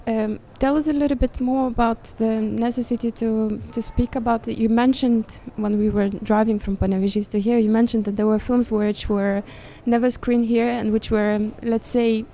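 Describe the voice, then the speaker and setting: A woman's voice: on the high side, fairly even intonation, moderate pace, few pauses, warm tone. A woman interviewer putting questions in hesitant, searching phrases. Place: busy festival venue foyer, indoors. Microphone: handheld interview microphone. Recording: noisy venue ambience.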